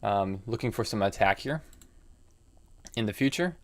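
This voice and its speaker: An expressive, fairly low male voice at normal speed: a young American in his early twenties streaming chess, thinking aloud about what to play and answering chat with casual, musing comments.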